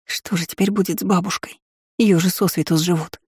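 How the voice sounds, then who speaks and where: A woman's voice: fairly low pitch, fairly even intonation, brisk, darkish tone, slight background noise, close to an everyday voice. A woman voicing a timid, tearful young maid who pleads anxiously with her mistress in an audiobook. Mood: pleading, tearful.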